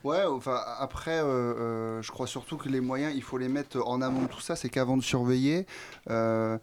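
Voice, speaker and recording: Male guest, mid pitch, slangy and rambling, thinks out loud. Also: steady tone, normal speed, slight background noise. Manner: rambling, many fillers and restarts, slangy. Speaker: guest, website founder. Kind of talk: casual radio discussion. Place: radio studio.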